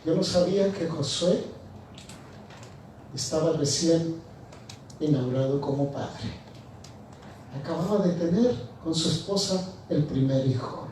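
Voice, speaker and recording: A man's voice: on the high side, unhurried, pauses often, a little hiss or hum. A male pastor preaching a sermon, telling stories with animation and acting out the dialogue. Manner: animated storytelling, acts out dialogue. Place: church. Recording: echoey church, distant mic.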